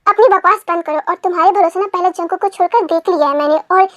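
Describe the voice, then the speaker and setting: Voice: very high voice, fast, no room sound. A reader voicing a stern, bossy elderly grandmother in a fan audio drama. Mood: scolding. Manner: bossy, lecturing.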